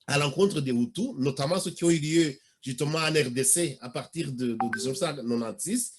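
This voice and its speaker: A man of Rwandan origin hosts a radio interview, cutting in politely but firmly to set the record straight. His voice is somewhat husky and sits a touch high. He speaks in a measured, deliberate way. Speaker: radio host.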